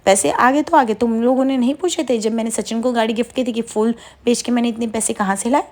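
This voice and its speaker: A woman's voice: fairly high pitch, steady tone, fast, a little mellow, lightly acted. A woman voicing a hardworking young wife from a TV serial, fed up and speaking firmly. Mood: exasperated. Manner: exasperated, firm.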